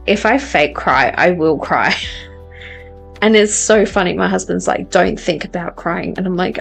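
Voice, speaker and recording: Chatty woman livestreamer with soft music. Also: lowish voice, gravelly. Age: adult. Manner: chatty, laughs often, self-deprecating. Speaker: tarot reader and livestream host. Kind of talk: casual chat reading out viewer comments.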